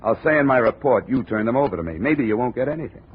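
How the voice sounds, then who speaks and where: In a tinny old radio recording, a man with a mid-range, slightly rough voice speaks fast and animatedly. He narrates and acts as a hardboiled insurance investigator in a 1950s radio drama, his delivery dry and clipped.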